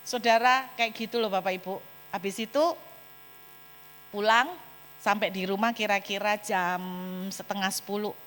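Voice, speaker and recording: A woman pastor, telling a personal story in a sermon to her congregation. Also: mid-range voice. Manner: storytelling, animated, addresses congregation directly. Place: church hall. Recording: long hall reverb, mains hum.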